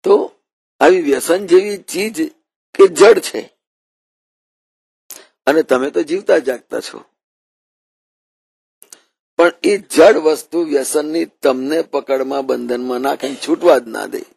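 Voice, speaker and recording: A man's voice: a little high, slow, gravelly, pauses often, a little mellow, breathy edge, no room sound. A man preaching a devotional sermon, telling a story and often repeating and rephrasing his words. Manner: repeats and rephrases while narrating.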